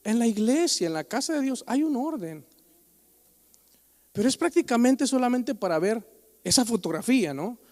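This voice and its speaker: High-voiced man preaching in a reverberant church. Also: lively intonation, normal speed, pauses often, darkish tone. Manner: joking, conversational preaching, often calling the listener "hermano". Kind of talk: sermon. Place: church sanctuary during a Sunday service. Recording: long reverb of a church hall.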